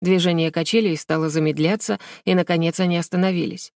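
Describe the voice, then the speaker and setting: A woman reading a children's book aloud as a narrator, with steady, even storytelling. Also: fairly low pitch, quick pace, no echo, clean studio sound. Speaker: audiobook narrator. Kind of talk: scripted narration.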